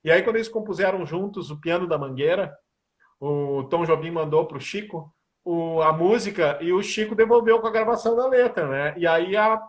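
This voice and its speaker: A man, a musician and composer, talking casually in an interview and telling stories. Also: high-pitched. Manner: animated storyteller, sings snippets of lyrics.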